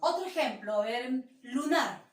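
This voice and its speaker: A fairly high-voiced woman teaching with a Peruvian Spanish accent. She explains patiently and says each example word slowly and clearly. Her voice sounds echoey and set back from the mic. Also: animated. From Peru. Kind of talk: online class lesson. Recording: echoey room, voice from a distance.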